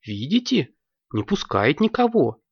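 A storyteller voicing a shy, gentle young girl wizard who speaks softly. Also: medium pitch, very animated, unhurried, breathy edge, dry recording, dull audio, voice pushed up, heavily acted. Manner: soft, timid.

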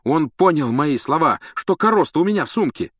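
A man's voice: mid-range voice, lively intonation, fairly quick, no room sound, studio quality, voice pushed up, natural voice. A man voicing an indignant, hot-tempered teenage schoolboy in an audiobook. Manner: loud, indignant, grumbling.

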